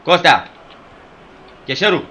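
Gamer guy calling his own football match, hoarse, yells at his players, slightly high voice, pitch jumping all over. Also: animated, rough recording. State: hoarse from shouting. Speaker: gameplay commentator. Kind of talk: excited football video game commentary.

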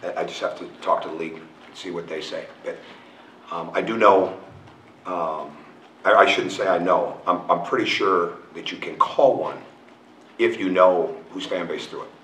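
A middle-aged man with a low voice answers reporters after a game. He is frank and keeps repeating and restarting his words. His voice echoes around a press room and is caught from a little way off the mic. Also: normal speed, sharp tone, a little hiss or hum. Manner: frank, repetitive, restarts phrases. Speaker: college basketball coach. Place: press room in front of a logo backdrop. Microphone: table mic on a stand. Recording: roomy, picked up from a distance.

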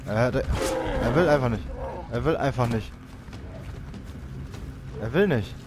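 A young man talks through his gameplay in casual, exasperated bursts, at a mid pitch. Clear game noise runs under his voice. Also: animated, a little slow. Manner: frustrated, exclaiming, shouts high-pitched for help in panic. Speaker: let's play gamer. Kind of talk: let's play commentary.

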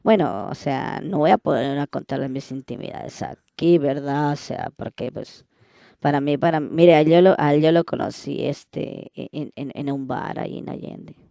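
A man's voice: a little high, normal speed, gravelly, warm tone, no echo, studio quality. A man playing a flirty, gossipy woman fan, gushing and coy in a comedy sketch.

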